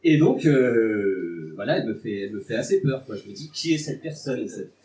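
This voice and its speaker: A man's voice: on the low side, animated, moderate pace, mellow. A young man from Bordeaux doing his first live stand-up set, nervous, rambling and self-mocking. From Bordeaux, France. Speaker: stand-up comedian. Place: live comedy venue with audience. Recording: echoey venue from far mic, noisy.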